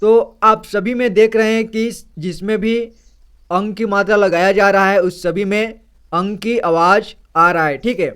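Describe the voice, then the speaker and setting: Male reading teacher, high and clear, unhurried, repeats each word and checks in with an okay. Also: steady tone, fairly bright tone. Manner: reads each word twice, asks "क्या पढ़ेंगे?" and answers; ends many lines with "ठीक है". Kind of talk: slow reading lesson for beginners.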